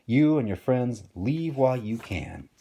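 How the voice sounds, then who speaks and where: A cocky young Greek hero tosses off dry, sarcastic warnings with lively swings in pitch, as a man reads the storybook aloud. The voice sits low and mellow with a husky edge. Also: a little slow. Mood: wry.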